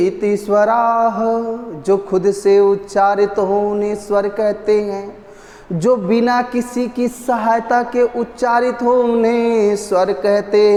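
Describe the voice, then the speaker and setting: A man's voice: extremely high pitch, darkish tone. A man teaching an exam-prep lesson, repeating terms and chanting lines to drill them. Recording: echoey roomy reverb.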